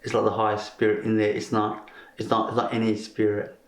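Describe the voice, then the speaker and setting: Hesitant low-voiced man from Vietnam. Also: monotone, fairly quick. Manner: hesitant, searching for words. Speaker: crystal healer being interviewed. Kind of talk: casual interview answers. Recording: roomy echo.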